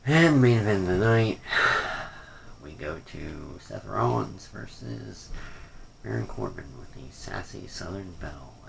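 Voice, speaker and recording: This wrestling pay-per-view reviewer has a creaky voice on the low side, animated but at a measured pace, with slight background noise. His casual rant meanders hesitantly and often trails off, unimpressed and critical throughout.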